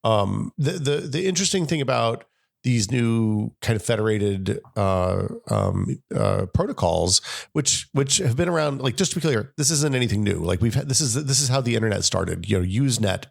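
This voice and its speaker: Scratchy from a summer cold, this tech podcast co-host rambles casually, restarting often and filling gaps. He speaks in a mid-range voice with vocal fry and big pitch swings, at a moderate pace.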